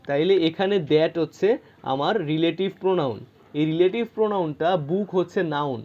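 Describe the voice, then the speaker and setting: Male grammar tutor, slightly high voice, patient explainer; lo-fi recording. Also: a little mellow. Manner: explains patiently, checks in with rhetorical questions. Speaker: English grammar teacher. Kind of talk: explaining grammar lesson to students.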